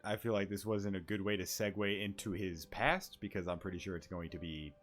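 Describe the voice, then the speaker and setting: A game streamer gives laid-back, slangy let's-play commentary and reads game text aloud, with game music in the background. His voice sits low, with fairly even intonation and a slightly fast pace.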